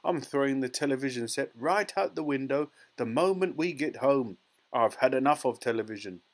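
A man voicing an irritable, alarmed father in a storybook, sharp and indignant, often shouting. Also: sits high, sing-song, takes it slowly, husky, voice pushed up, full character voice. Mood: angry.

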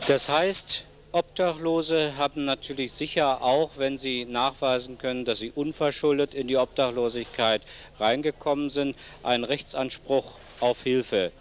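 This noisy old TV footage shows a middle-aged host interviewing a guest for local television, seated among plants at a senior citizens' centre. He speaks into a handheld mic in a courteous, formal manner, with a mid-range voice, fairly even intonation and a measured pace.

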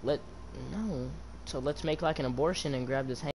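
A man's voice: a little high, moderate pace, darkish tone, a little hiss or hum. A young man bantering profanely and laughing often while playing a game with a friend. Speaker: gaming vlogger. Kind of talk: casual gaming banter.

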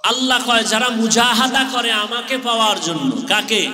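A Bangladeshi man preaching an Islamic sermon to a congregation, putting rhetorical questions and moving into melodic, drawn-out chant. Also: extremely high pitch, noisy background. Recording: echoey PA with long reverb.

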